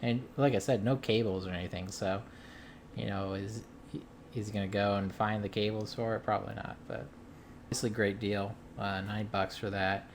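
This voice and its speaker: Low-voiced rambling man telling a story. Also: fairly even intonation, moderate pace, a little hiss or hum. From US Midwest. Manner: rambling, many ums and uhs and restarts; amused storytelling. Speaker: video game collector vlogger. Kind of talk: casual chat.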